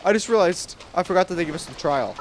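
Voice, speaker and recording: A gaming content creator gives casual let's play commentary, his high, expressive voice rushing along as he talks back to the game in slangy, reactive bursts. Video game music plays loudly behind him, with slight background noise.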